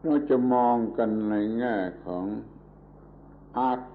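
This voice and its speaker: Slow gravelly monk preaching, repeats himself a lot, tinny phone-like old tape w/ faint hiss. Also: male voice. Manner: slow and deliberate, repeating words for emphasis. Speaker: monk giving a Dhamma talk. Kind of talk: Buddhist sermon.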